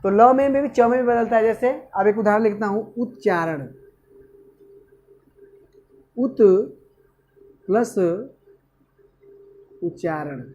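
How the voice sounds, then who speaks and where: A man's voice: high voice, takes it slowly, long pauses, a little mellow, highs cut off. A male teacher giving an exam-prep grammar lesson, asking questions and answering them himself. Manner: asks and answers own questions, repeats "okay".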